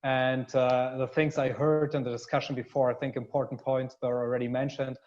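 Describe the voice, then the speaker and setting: A man's voice: mid-range voice, level tone, normal speed, a little mellow. Man, webinar panelist, hesitant, lots of fillers, lo-fi call sound. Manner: hesitant, many fillers and restarts. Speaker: panelist, consultancy CEO.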